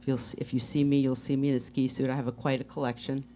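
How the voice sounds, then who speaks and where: A woman guest, a band's frontwoman, chatting playfully in a relaxed interview, often trailing off. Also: very deep voice, fast, a little hiss or hum. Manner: playful, rambling, trailing off softly. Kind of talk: casual interview chat. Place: music bar.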